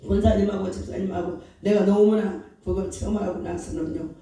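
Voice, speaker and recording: A man's voice: sits high, fairly even intonation, brisk, mellow. A man preaching a fervent revival sermon as pastor, pressing his listeners with repeated rhetorical questions. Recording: very echoey hall, distant mic.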